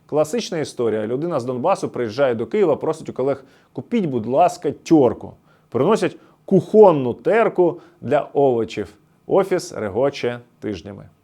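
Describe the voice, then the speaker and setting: Lively male documentary narrator. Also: medium pitch, a little fast. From Luhansk region, Ukraine. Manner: nostalgic storytelling, reading word by word with explanations.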